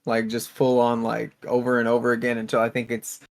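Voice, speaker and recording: A man's voice: mid-range voice, monotone, fairly quick, creaky. Casual man describing his game character. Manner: casual, rambling with fillers. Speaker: player.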